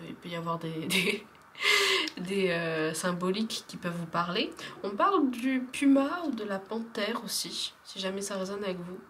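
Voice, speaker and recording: A woman talks through a spiritual card reading in a loose, hesitant way, full of fillers and trailing off into near-whispers. Her voice sits at an ordinary middle pitch. Faint background hiss lingers under the recording. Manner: chatty, hesitant, many fillers, often drops to a soft whisper. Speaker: tarot card reader.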